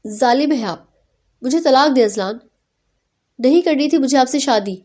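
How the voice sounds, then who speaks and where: A woman voicing a quarrelsome young bride who complains in shrill, dramatic outbursts. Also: a little mellow. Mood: defiant.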